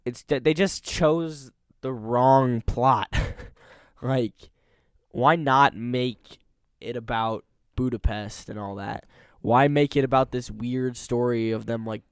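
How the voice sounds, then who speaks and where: A man with a smooth, resonant voice chatting casually as a podcast co-host. He rambles and leans on fillers. The sound is dry and close, with no room echo. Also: medium pitch, unhurried. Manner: rambling, filler-heavy, animated. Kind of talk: casual movie review chat.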